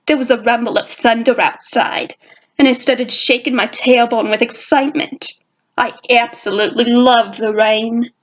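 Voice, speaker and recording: A woman's voice: a little high, steady tone, moderate pace, natural voice, low-quality recording. A woman narrating her fan fiction in a put-on jazzy girl voice. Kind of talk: fan fiction audio reading.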